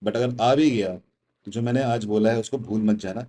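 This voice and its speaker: On a casual livestream, a young man with an Indian accent teaches test prep in a chatty, teasing manner, mixing Hindi and English. His voice is lowish and warm, at normal speed.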